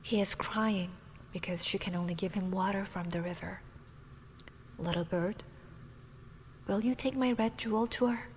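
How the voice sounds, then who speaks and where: A woman voicing a sad young prince who is a golden statue, in a whispered role-play with a low, slow, sorrowful whisper. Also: slight background noise, lightly acted, rough recording.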